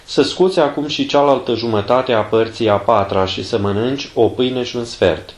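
A man voicing an older abbot, stern yet fatherly, who speaks in measured, admonishing words in a storybook reading. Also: medium pitch, echoey room, lightly acted.

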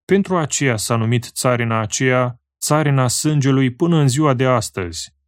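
A man reading scripture aloud in a solemn, slow and measured way, pausing phrase by phrase. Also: mid-range voice, dry recording, clean studio sound. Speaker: scripture reader.

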